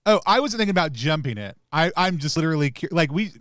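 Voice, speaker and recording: A man with a slightly raised pitch plays a tabletop game. He is deliberate and asks careful questions. The sound is dry and close. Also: lively intonation, a bit bright, no room sound. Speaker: player. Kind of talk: casual tabletop play.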